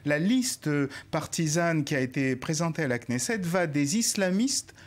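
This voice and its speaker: A man's voice: a little high, big pitch swings, moderate pace. A man speaking as a guest in a TV news debate, formal and assertive with an indignant edge. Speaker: panel guest.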